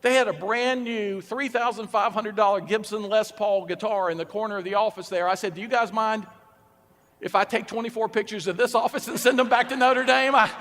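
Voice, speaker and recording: A man giving a storytelling talk, acting out dialogue with lively changes of voice. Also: high-pitched, brisk. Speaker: speaker. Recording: speaker in a hall with long reverb.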